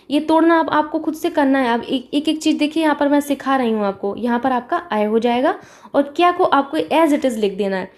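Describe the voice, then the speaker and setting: High-voiced woman teaching a grammar lesson. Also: a little mellow. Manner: patient, repetitive, talks straight to students. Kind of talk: exam-prep grammar lesson.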